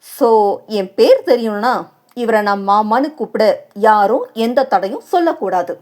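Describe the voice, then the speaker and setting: A woman voicing a calm, defiant young woman who speaks in a deliberate and pointed way. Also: a little high, lightly acted.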